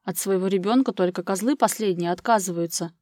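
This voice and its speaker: A woman's voice: mid-range voice, brisk, darkish tone, dry recording, studio quality, lightly acted. A woman reading an audiobook, voicing a sardonic, commanding macho man. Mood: mocking. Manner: mocking and stern, tired.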